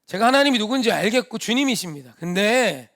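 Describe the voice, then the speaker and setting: A man's voice: high voice, lively intonation, a little fast, fairly bright tone. A man voicing Moses as a reluctant man who pleads deferentially to be excused. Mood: pleading.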